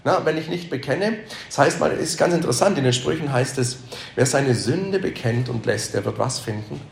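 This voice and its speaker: Lively male Bible teacher in echoey room. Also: mid-range voice, normal speed, vocal fry, a little hiss or hum. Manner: keeps asking the group questions, repeats their answers; emphatic repetitions. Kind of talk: interactive Bible lesson. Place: room with a live group.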